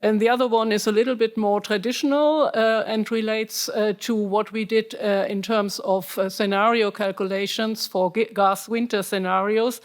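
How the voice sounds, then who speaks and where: A woman with a German accent giving a presentation at a conference, measured and hesitant. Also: mid-range voice, fairly even intonation. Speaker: conference speaker. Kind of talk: presentation talk.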